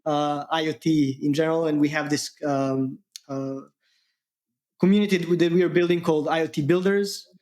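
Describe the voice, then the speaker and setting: Male engineer guest, lightly raised pitch, halting and casual. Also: steady tone, darkish tone. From Serbia. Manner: halting, many fillers, laughs easily. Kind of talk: casual tech interview.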